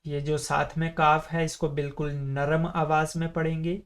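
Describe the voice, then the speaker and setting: A man teaching beginners to read the Arabic letters of the Quran in a recorded lesson, stretching each letter name long and then explaining quickly. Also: a little high, level tone. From Pakistan.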